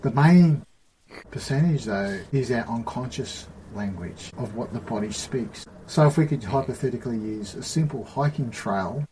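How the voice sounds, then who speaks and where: A man's voice: mid-range voice, expressive, moderate pace, mellow, a little hiss or hum, poor audio. A man in a podcast conversation, explaining ideas earnestly and checking that his listener follows. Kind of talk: casual conversation.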